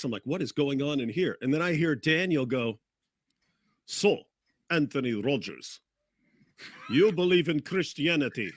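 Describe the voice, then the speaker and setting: A man's voice: on the high side, a bit bright, dry recording. Rambling man telling a story, dry sound. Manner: rambling, with many restarts and fillers. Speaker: guest on a livestream. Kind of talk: casual chat and storytelling.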